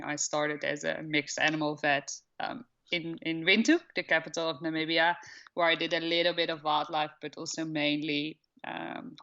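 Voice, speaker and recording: A woman's voice: deep voice, sharp tone, lo-fi sound. A woman in her thirties from the Netherlands with a Dutch accent, answering interview questions in a plain, matter-of-fact way. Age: 30s. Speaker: wildlife veterinarian, guest.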